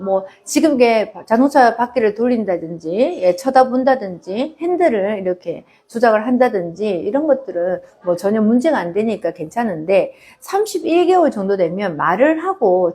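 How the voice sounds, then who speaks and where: A middle-aged woman counseling parents on a live stream, calmly explaining and reassuring, often acting out what a mother might say. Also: medium pitch. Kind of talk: live parenting advice stream, reading viewer questions.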